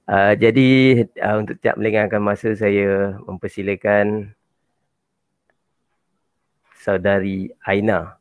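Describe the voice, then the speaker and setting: A man's voice: lowish voice, monotone, takes it slowly, long pauses, smooth, no echo. A man with a Malaysian accent hosting a talk show, speaking careful formal Malay and correcting himself. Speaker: host. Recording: phone-like, muffled online call audio.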